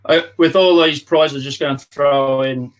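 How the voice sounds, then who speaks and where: A man's voice: on the high side, fairly even intonation, a little slow. A man with an Australian accent chatting casually as a guest, in a laconic way. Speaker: show guest. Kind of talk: casual chat.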